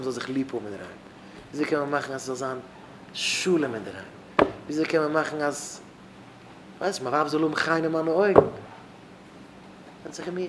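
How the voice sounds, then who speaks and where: Emphatic rabbi preaching over background noise. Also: male voice, on the high side. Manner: emphatic, voice swelling loud on key words. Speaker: rabbi giving a talk to young married men.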